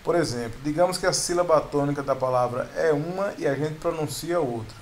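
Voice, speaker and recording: A man's voice: a little high, brisk, slight background noise. A man giving a video lesson on grammar, explaining patiently, restarting words and often addressing viewers as "pessoal". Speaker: teacher.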